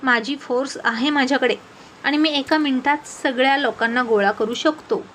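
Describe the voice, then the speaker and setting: A woman's voice: sits high, normal speed, a bit bright, slight background noise. A woman voicing a proud, short-tempered rich young man in a storybook tale, talking in a snappy, irritated way.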